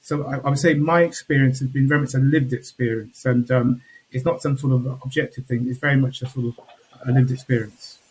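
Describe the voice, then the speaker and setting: A man on a video call, introducing himself as a panellist in a measured way with pauses and restarts. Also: medium pitch, fairly even intonation, breathy edge, poor audio. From England.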